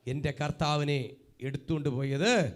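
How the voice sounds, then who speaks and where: A man preaching a sermon fervently, swinging from loud cries to hushed asides. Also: on the high side, moderate pace.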